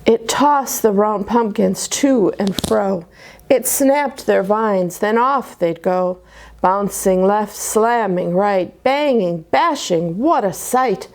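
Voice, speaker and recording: At a church story time, a woman reads a rhyming picture book for children at a slow pace in a mid-range voice. She is expressive and drops to dramatic whispers.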